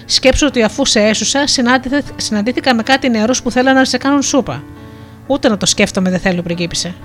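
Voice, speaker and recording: A woman's voice: fairly high pitch, faint music behind, lightly acted. A woman voicing a shy young fisherman. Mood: polite. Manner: soft-spoken and courteous.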